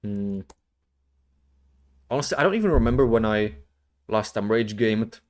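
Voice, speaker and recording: A man chatting casually as the host of a livestream, rambling in a slangy, halting way. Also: fairly low pitch, lively intonation. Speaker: streamer, VTuber host.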